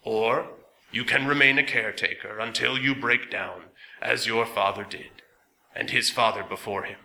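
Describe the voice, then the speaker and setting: Man doing a talking sweeper machine, grinding metallic voice, slow and solemn, low and sharp-toned, storybook. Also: steady tone, gravelly, echoey room, exaggerated voice, rough recording. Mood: grave. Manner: slow, grave warnings.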